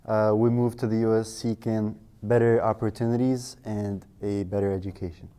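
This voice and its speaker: Young man with a low, flat, dark voice. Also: clean tone. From Saudi Arabia. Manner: calm, measured, with "uh" fillers. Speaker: guest.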